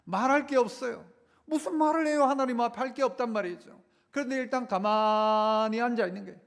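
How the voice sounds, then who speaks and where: A male pastor preaching a sermon. He leads his congregation in repeating phrases, slows down to stress key words, and briefly acts out quoted voices. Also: extremely high pitch, gravelly. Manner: leads congregation in call-and-response repetition. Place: large church sanctuary. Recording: long church hall reverb.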